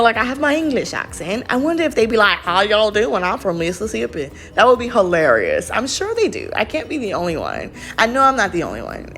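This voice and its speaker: A young craft vlogger chats and rambles in a casual voice-over about her crafts, using lots of fillers. Her medium-pitched voice is a bit bright, with faint background music behind it.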